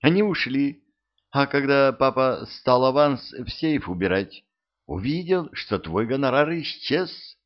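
A man voicing an indignant young woman thief, lifting his voice high and chattering in an audiobook reading. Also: a little slow, lightly acted. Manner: raised, lively girlish voice. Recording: dull lo-fi recording.

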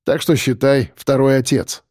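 A man reading an audiobook voices a gruff adult man who teases and bosses a boy around. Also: medium pitch, fairly even intonation, normal speed, a little mellow, no room sound, clean studio sound, natural voice. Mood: teasing. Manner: gruff, mocking, bossy. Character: gruff grown man, teasing and dry-humoured.

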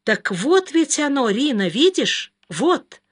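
A woman's voice: high-pitched, very animated, slow pace, pitched above the performer's own voice, heavily acted. A woman reading the part of an exhausted, ailing middle-aged man who speaks in a hollow, pleading way. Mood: anguished.

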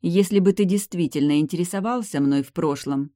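A woman's voice: lowish voice, fairly quick, dark tone, no echo, pitched above the performer's own voice, lightly acted. A woman voicing a young vampire heroine who talks curtly and sarcastically, with cold irritation, in a dry-sounding reading.

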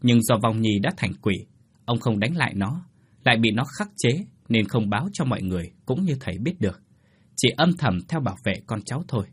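Man doing a grave exorcist, husky and measured. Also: mid-range voice, animated. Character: solemn middle-aged male village exorcist.

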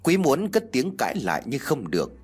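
A man narrating a storybook tale in an expressive storytelling manner. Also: medium pitch, fairly quick, husky.

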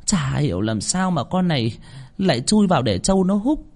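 A man's voice: on the high side, very animated, normal speed, darkish tone, voice pushed up. A man voicing a cruel, middle-aged landlord's wife who screeches and scolds her servants. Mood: explaining.

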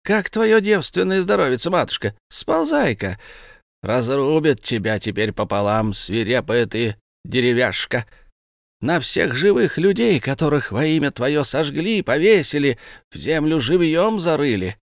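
A man's voice: a little high, lively intonation, moderate pace, gravelly, no echo, clean studio sound, pitched above the performer's own voice. A man voicing Satan in a storybook reading, a gloating male devil who taunts and mocks. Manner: taunting, sneering.

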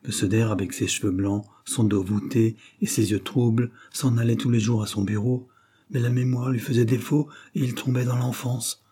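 A man narrating an audiobook in a steady, even reading manner. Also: mid-range voice, normal speed, slightly rough. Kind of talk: scripted narration.

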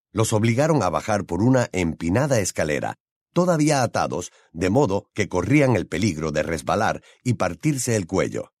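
A man narrating an audiobook with expressive delivery. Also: lowish voice, no echo, studio quality. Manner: expressive, varied intonation.

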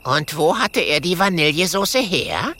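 A man voicing a stern, skinny female ghost with a cutting, croaky voice in a storybook reading. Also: a little high, wildly swooping pitch, slow pace, pushed and bright, voice pushed up, heavily acted. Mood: scornful.

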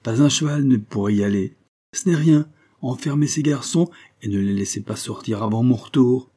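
A man's voice: medium pitch, animated, moderate pace, warm tone, husky, voice pushed up. A man voicing a stern, thundering country vicar who gives harsh orders. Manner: harsh, commanding.

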